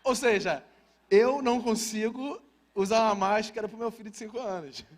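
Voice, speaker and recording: A Brazilian pastor with a fairly high voice preaches to his congregation. He moves easily between scripture and a homely family anecdote, talking to the people in front of him as if chatting with friends. He keeps slipping in playful asides to the room. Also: normal speed. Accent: Brazilian Portuguese. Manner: conversational, humorous asides to the congregation. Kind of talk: sermon with personal storytelling. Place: church service.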